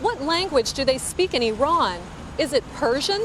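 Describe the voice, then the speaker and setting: A woman playing a cheerful news reporter who interviews tourists outdoors, speaking clearly and slowly for an English lesson. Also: high voice, lively intonation, noisy background. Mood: upbeat. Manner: clear, upbeat, slow teaching delivery. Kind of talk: scripted English lesson dialogue. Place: outdoors in a city. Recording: music bed under the voice.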